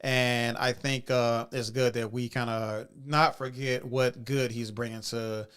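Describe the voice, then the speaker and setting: A man from Chicago hosts his own podcast on a loose livestream, talking in an easy, rambling way. His voice sits at a middle pitch and sounds smooth and resonant. He circles back, restarts his sentences and fills the gaps with "um" and "uh". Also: flat delivery, unhurried, fairly bright tone. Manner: rambling, many fillers and restarts. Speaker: podcast host. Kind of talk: casual livestream commentary.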